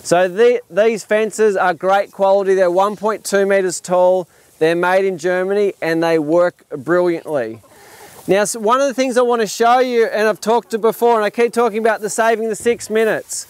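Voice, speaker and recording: An Australian farmer in his thirties talks a tour group through his gear in an open paddock, his voice sitting high for a man. He explains things eagerly, stumbling and restarting now and then. The sound comes from a camera set back from him outdoors. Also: moderate pace, clean tone, dry recording. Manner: enthusiastic, explanatory, with fillers and restarts. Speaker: farm owner giving a tour. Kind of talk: outdoor demonstration talk. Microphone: camera at a distance.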